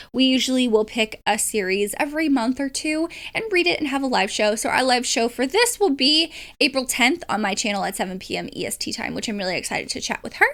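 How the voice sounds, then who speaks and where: Informal and excited, a book vlogger and readalong host talks about books in a relaxed, chatty way. She has a highish voice with a fairly bright tone.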